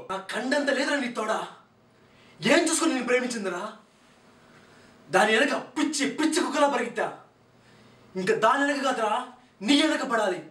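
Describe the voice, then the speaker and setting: A man's voice: high-pitched, sharp tone. An actor playing a drunk poor man who rants at corrupt politicians, repeating his words for emphasis. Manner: ranting, repeating phrases for emphasis. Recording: echoey room, mic at a distance.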